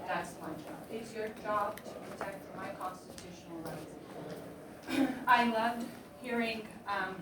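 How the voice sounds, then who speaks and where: A woman's voice: mid-range voice, background noise. A woman from Romania giving emphatic, at times sarcastic public testimony at a hearing. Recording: echoey hearing room from far off.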